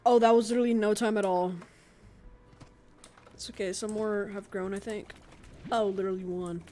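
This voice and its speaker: A woman giving casual let's-play commentary with hiccups, chatting to the game's creatures with sudden excited outbursts. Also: medium pitch, slight background noise.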